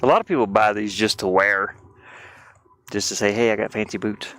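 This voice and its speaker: A game developer chats casually on his livestream while working in a van, thinking aloud and wandering between topics. He talks fairly quickly in a fairly low voice with a clean, fairly bright tone, while the van's diesel heater fan hums and clicks in the background.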